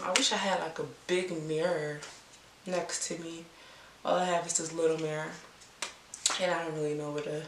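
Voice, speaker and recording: Low, unhurried young woman recovering from illness. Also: fairly bright tone. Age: young adult. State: recovering from illness, clearing throat. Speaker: vlogger. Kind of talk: casual chat to viewers while doing her hair. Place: small indoor room. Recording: roomy echo, audible background hiss.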